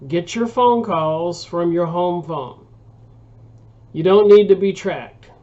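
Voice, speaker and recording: Speaking at a slow pace in a high-pitched, mellow voice, with the highs cut off, a U.S. man in his sixties hosts his book review channel. His casual monologue rambles, with plenty of fillers and restarts.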